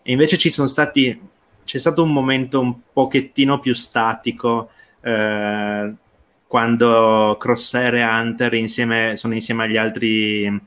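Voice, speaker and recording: A man's voice: mid-range voice, fairly bright tone. A man co-hosting a livestream about a TV episode, talking hesitantly with many fillers and occasional light laughter.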